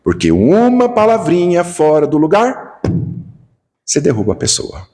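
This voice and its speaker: A Brazilian man gives a Spiritist talk and moves between stories and teaching. His voice sits a touch high and swings widely in pitch as he acts out conversations. It rings through a lecture hall with a long reverb. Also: unhurried. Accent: Brazilian Portuguese. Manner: animated storyteller who acts out dialogue. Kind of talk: lecture with personal storytelling.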